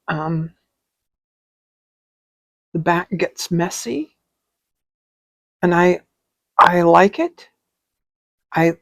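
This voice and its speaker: A woman's voice: on the low side, gravelly, dry recording. A woman teaching a casual craft tutorial, chatty and rambling as she thinks aloud. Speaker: stitching teacher.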